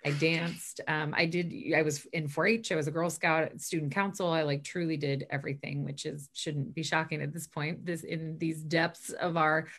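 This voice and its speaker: A chatty woman in her late thirties talks about her work in a casual video-call interview, upbeat and rambling with fillers and asides. Her voice sits low for a woman. She is heard through a laptop mic in a small bedroom. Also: flat delivery, normal speed, hardly any pauses, a bit bright. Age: 30s. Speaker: stage manager and professor, interview guest. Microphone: laptop webcam mic on a video call.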